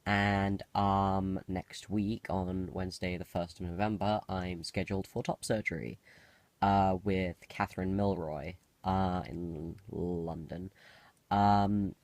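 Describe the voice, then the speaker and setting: Low, creaky young man with a cold. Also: little pitch movement, unhurried, a little mellow, no echo. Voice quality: slightly harsh from a cold. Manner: hesitant, self-interrupting. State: has a cold. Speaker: video diarist. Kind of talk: casual rambling personal update.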